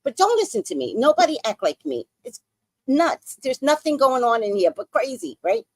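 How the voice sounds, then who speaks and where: A woman's voice: high voice, sing-song, normal speed, dry recording. A woman in her sixties telling a story in a casual, profane, dramatic way as a podcast host. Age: 60s.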